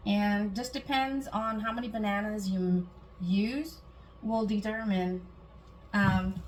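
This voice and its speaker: A woman talks through a recipe in a casual, chatty way at a medium pitch. She explains things step by step like a home cooking host, adding small personal asides. Clear background noise and room ambience sit behind her voice. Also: slow pace, poor audio. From Guam.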